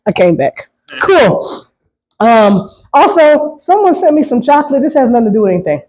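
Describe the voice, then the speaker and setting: A woman's voice: high-pitched, very animated, moderate pace, a little mellow, slight background noise, low-quality recording. A woman performing a stand-up comedy set, talking loosely and with lots of swearing, often asking the crowd to agree with her. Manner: loose, profane, keeps asking the crowd "right?".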